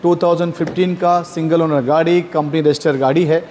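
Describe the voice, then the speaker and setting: A man's voice: fairly high pitch, fairly even intonation, a little fast, a little mellow, slight background noise. An Indian man presenting used cars as a dealer, with slick, repetitive sales patter. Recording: reverberant hall-like echo.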